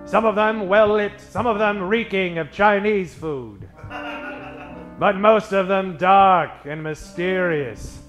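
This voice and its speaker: Over background music, a man with a high, fairly bright voice narrates a 1940s-flavored radio detective parody. His manner is theatrical and melodramatic, and his punchlines are drawn out for effect.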